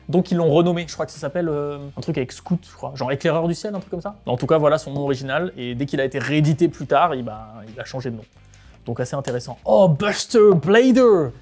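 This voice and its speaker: Guy going through his card collection, kinda high voice, chatty, fast opinions on each one. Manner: informal and lively, quick snap verdicts. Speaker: trading card collector reviewing cards. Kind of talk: casual card-by-card commentary.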